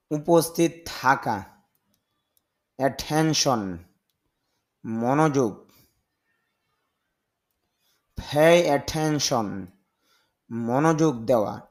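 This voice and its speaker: A Bengali-speaking man teaching English vocabulary, reading each word and its meaning and pointing out how to stress and stretch sounds. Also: mid-range voice. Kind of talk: slow word-by-word vocabulary lesson.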